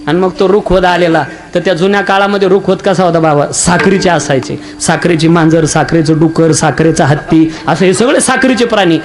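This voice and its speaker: High-voiced man preaching a comic kirtan. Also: brisk, hardly any pauses. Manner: jokey, addresses elderly women in the audience, acts out dialogue. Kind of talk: humorous kirtan sermon.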